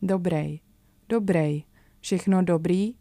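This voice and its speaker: A woman's voice: fairly low pitch, dark tone, dry recording, studio quality, close to an everyday voice. A woman voicing a friendly middle-aged male shopkeeper who speaks in short, broken phrases.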